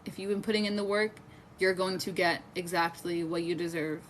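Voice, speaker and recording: A woman's voice: fairly low pitch, steady tone, a little fast, slight background noise. A woman in her twenties giving a casual, chatty tarot reading on a live stream, swearing freely and talking to her viewers. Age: 20s. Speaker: tarot reader.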